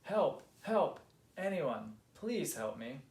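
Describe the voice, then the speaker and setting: A man voicing a young, excitable and mischievous male magpie in a raised, chirpy, childlike voice for a storybook. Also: fairly high pitch, moderate pace, close to an everyday voice. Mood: excited. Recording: roomy echo.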